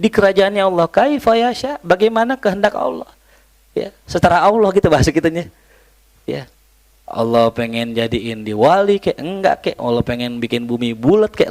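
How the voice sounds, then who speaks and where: A man teaching an Islamic study class, mixing Arabic recitation with joking, colloquial asides to his students. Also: mid-range voice. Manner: lively, joking, colloquial Jakarta slang mixed with Arabic recitation. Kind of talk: religious study lecture.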